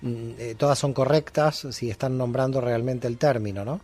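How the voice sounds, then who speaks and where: A man being interviewed as a guest expert, explaining in a teaching manner with frequent pauses and fillers. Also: medium pitch, steady tone, darkish tone. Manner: didactic, many hesitations. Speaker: guest scholar.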